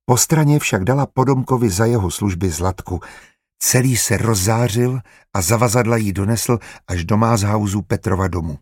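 A man narrating an audiobook in a measured, even storytelling manner on a close studio mic. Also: fairly low pitch, slightly rough, no echo.

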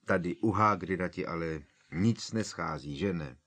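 A man voicing a determined schoolboy wizard who talks quiet and firm. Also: sits low. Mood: gentle. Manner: quiet, then firm and forceful.

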